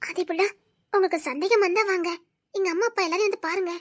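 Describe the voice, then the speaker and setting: A woman's voice: very high voice, fairly even intonation, fast talker. A woman voicing a frightened young college student who keeps protesting and asking who the man is, in an amateur audio drama. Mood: firm. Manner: protesting, repeating her demands.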